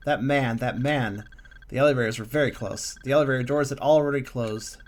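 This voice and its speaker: A man reading a text game aloud with a calm, musing delivery and small slips and asides. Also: mid-range voice, brisk.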